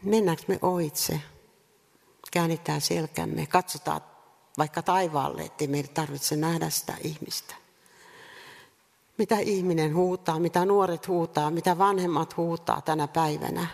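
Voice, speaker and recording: A woman preaching a sermon earnestly, repeating rhetorical questions and pausing between phrases. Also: low voice, fairly even intonation, gravelly, a little mellow. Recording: reverberant hall sound.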